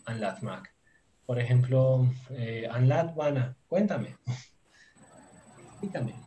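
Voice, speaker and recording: A man teaching a language lesson online, thinking aloud with many fillers and slowly drilling conjugations. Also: mid-range voice, dark tone, a little hiss or hum. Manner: slow, drawn-out drilling of conjugations. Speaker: Turkish teacher.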